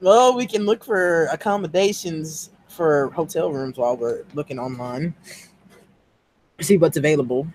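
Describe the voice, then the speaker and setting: A man's voice: on the high side, measured pace, darkish tone, a little hiss or hum, poor audio. A man playing a tabletop game in casual chat, wry and grumbling. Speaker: player.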